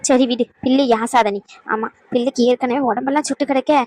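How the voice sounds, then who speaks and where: A woman's voice: high-pitched, fairly even intonation, a little fast, a little mellow, dry recording. A woman voicing a worried elderly grandmother in a cartoon, sighing and scolding. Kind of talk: cartoon voice acting.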